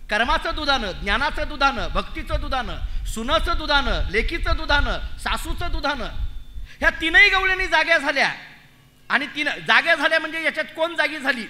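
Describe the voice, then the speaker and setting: A middle-aged male preacher from Barshi, Maharashtra, telling a devotional story in an animated, humorous way and acting out the characters. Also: extremely high pitch. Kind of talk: storytelling sermon.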